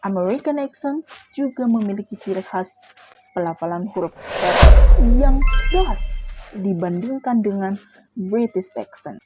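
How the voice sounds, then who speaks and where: A woman's voice: medium pitch, lively intonation, a little slow, over music, rough recording. A woman reading out a prepared class presentation, explaining step by step with brief asides to her listeners. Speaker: student presenter.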